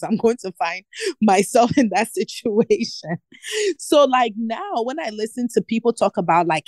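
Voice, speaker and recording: A woman talking in an easy, animated way, laughing as she goes and dropping slangy asides. The sound is close and dry, with no room around her voice. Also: mid-range voice, no echo. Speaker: podcast host. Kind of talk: casual chat.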